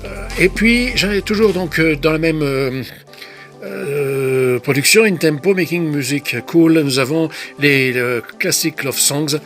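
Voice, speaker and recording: A man's voice: fairly high pitch, takes it slowly, fairly bright tone, faint music behind. A man casually showing his record purchases on camera, hesitant, with many fillers and restarts and offhand asides. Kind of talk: casual unscripted show-and-tell.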